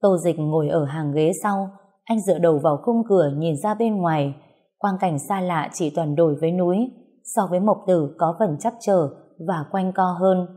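A woman narrating a novel as an audiobook, reading in a steady, unhurried way. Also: lowish voice.

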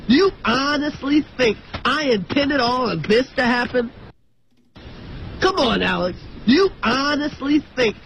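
A fast, pleading cartoon zebra from an animated film. The voice sits very high and jumps around. Faint street and vehicle noise runs behind the clip. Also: male voice, gravelly, exaggerated voice, poor audio. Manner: pleading, exasperated. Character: excitable cartoon zebra, adult male.

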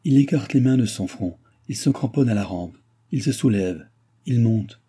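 A man reading the part of a proud young noblewoman speaking from a trance, in a hushed, dreamy voice. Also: mid-range voice, expressive, moderate pace, slightly rough. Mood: entranced.

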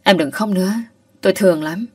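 A woman reads a gentle young male teacher in a storybook audio tale, apologetic and soft-spoken. The voice sits low for her and is dry, set a little back from the mic. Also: fairly quick, husky, no room sound, recorded from a distance.

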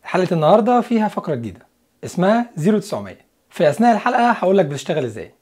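A young man with an Egyptian Arabic accent teaching an English listening lesson, talking fast and energetically and slowing down for drilled example sentences. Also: high voice, sing-song, darkish tone, slight background noise. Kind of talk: lively online language lesson.

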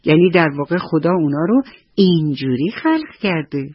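Lady doing a gentle old granny in a bedtime radio story, slow and soothing, kinda husky, muffled radio sound. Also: sits low, big pitch swings, dry recording, full character voice. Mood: gently explaining. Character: kindly, patient old grandmother. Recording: slightly dull radio recording.

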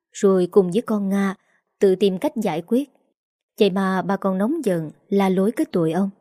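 A woman narrates a novel in a steady, even reading. Her voice is mellow and warm. The sound is dry and close. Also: medium pitch, no echo. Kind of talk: scripted story narration.

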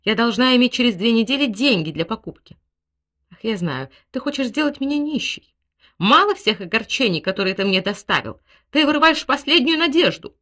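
Капризная генеральша, которую играет чтица, говорит высоко, визгливо и театрально. Она то таинственна, то жалуется на судьбу. Персонаж аудиокниги со склонностью к драме. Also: female voice, lively intonation, moderate pace, fairly bright tone. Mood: shrill. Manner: high, shrill, dramatic exclamations. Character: capricious general's wife, shrill, theatrical, self-pitying.

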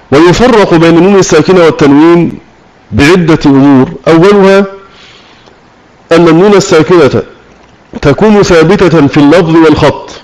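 A man teaching a Tajweed lesson, slowly repeating key words and asking and answering his own questions. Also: a little high, a little mellow, poor audio. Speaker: Quran recitation teacher. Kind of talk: religious lesson on Tajweed rules. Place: online voice chat room.

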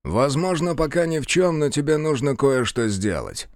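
A man voicing a gruff, short-tempered male general in his seventies who speaks slowly and barks orders in an audiobook. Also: on the high side, big pitch swings, a little mellow, no room sound, studio quality, pitched above the performer's own voice. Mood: stern. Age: 70s. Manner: slow, clipped, barking orders.

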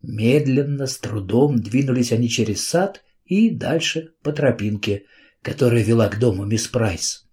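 A man reads a children's book aloud as audiobook narration. His delivery is calm and even. His voice sits at a mid pitch. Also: a little slow.

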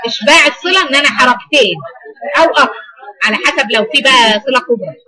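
Egyptian woman teacher, high voice, quizzes students and repeats their answers, class noise behind. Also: animated, racing, crowd noise, low-quality recording. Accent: Egyptian Arabic. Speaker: Quran recitation teacher. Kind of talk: lecture on recitation variants.

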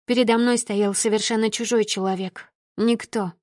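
A woman's voice: fairly high pitch, steady tone, moderate pace, a little mellow, no room sound, studio quality. A woman narrating an audiobook in the first person with intense, emotional reading.

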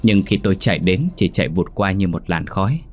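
A man's voice: sits low, fairly quick. A man narrating a first-person horror story in a dramatic, exclamatory manner. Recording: faint background music.

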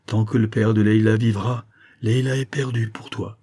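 A man's voice: lowish voice, steady tone, moderate pace, dark tone, no echo. A man reading an audiobook, voicing an old prince who speaks solemnly and tenderly to his son. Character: old prince father, remorseful and grave.

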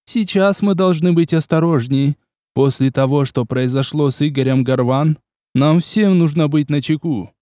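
A man voicing a nervous noblewoman who turns shrill and screeching when frightened. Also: normal speed, dark tone, no room sound, studio quality, lightly acted. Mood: worried.

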